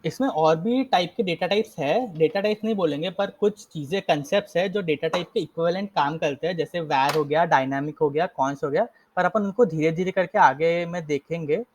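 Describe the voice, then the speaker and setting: A man's voice: a little high, fairly quick, few pauses, slight background noise. A young man casually teaching a live coding lesson, explaining step by step and often correcting himself. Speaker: coding instructor.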